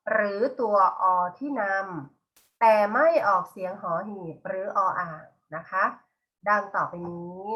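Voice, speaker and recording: A middle-aged woman teacher giving a patient, slow classroom lesson, spelling out one example word after another. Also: mid-range voice, bright, forceful tone.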